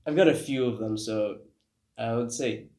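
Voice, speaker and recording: A man's voice: mid-range voice, moderate pace, a little mellow. A young man hosting a casual podcast interview, talking in a rambling way with lots of fillers. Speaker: podcast host. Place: room, recorded on a phone. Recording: echoey room.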